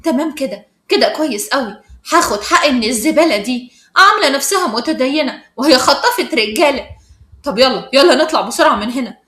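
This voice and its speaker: A woman with an Egyptian accent voicing a spiteful, scheming teenage schoolgirl with a sneering, shrill way of talking. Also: expressive, quick pace, fairly bright tone, roomy sound. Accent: Egyptian Arabic.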